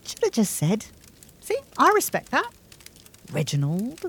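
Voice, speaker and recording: Wry, lively woman detective. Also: on the high side, a little slow, husky, full character voice. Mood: dry, teasing. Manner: dry, sardonic, blunt. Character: wry, sceptical woman detective, blunt but game. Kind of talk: scripted audio comedy drama acting.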